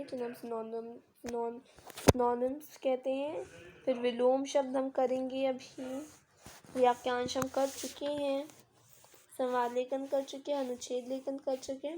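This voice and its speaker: Slow high-voiced woman teaching grammar. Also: a little mellow, a little hiss or hum. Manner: patient, explains with simple examples and quiz questions. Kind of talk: screen-recorded grammar lesson. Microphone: device mic of a screen recording.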